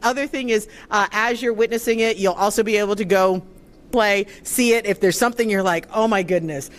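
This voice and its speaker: A woman's voice: mid-range voice, fairly quick. A woman hosting a live event off the cuff, chatty and casual as she improvises for the guests. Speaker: event host.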